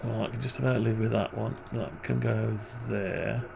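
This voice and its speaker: With a lowish voice, a steady tone, and vocal fry, a man talks at a moderate pace over a noisy background. He's presenting a programming tutorial, thinking aloud while he works on screen and tossing off muttered, wryly grumbling asides.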